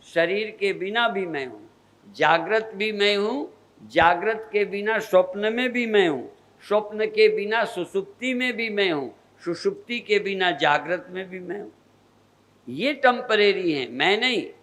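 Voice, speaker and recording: Older male guru, sermon delivery, unhurried and repetitive, pitched high. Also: animated, fairly bright tone, rough recording. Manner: measured, repetitive preaching cadence. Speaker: spiritual teacher.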